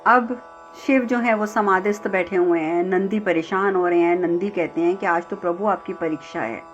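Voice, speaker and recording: A woman's voice: lowish voice, normal speed. A woman storyteller narrating a devotional story in a simple retelling style with repetitions, over a slightly dull recording with faint sitar music.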